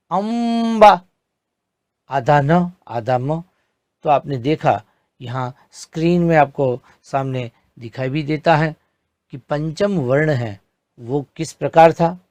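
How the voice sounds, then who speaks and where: A man's voice: on the high side, dry recording. A man teaching a Hindi grammar lesson, drawing out each example word with careful enunciation. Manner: drawn-out enunciation of example words. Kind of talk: slow, deliberate grammar lesson with spoken examples.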